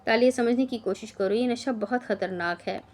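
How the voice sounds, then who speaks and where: A woman's voice: a little high, normal speed, a little mellow, close to an everyday voice. A woman reading as a pleading young friend.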